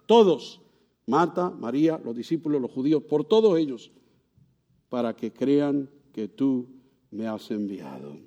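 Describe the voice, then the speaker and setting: A man giving a sermon as pastor, asking rhetorical questions and swinging from loud, high passages to soft, low ones. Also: very animated, unhurried, dull audio.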